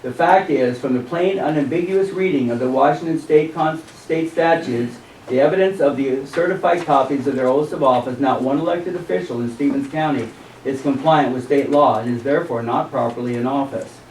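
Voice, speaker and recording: American male citizen presenter, formal and deliberate read-aloud delivery, distant roomy recording with faint noise. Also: mid-range voice, a little mellow. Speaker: citizen presenter at a county commissioners meeting. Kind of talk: formal public statement read from prepared text.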